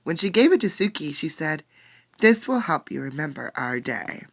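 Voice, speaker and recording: In an interactive children's read-aloud, a woman acting as a teacher reads a picture book expressively, stopping to explain words and put questions to her listeners. She has a low, sing-song voice and a moderate pace.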